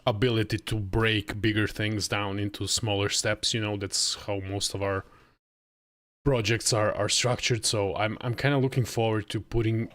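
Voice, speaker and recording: Here a man's lowish, fairly bright voice comes through a close desk mic on an arm. He's a Croatian in his late thirties, livestreaming from a desk indoors while learning game development, chatting casually with a touch of hesitation as he works.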